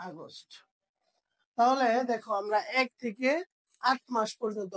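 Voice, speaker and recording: A woman's voice: fairly high pitch, low-quality recording. Woman teaching, quizzing herself. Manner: asks questions and answers them herself. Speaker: language teacher. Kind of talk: online language lesson.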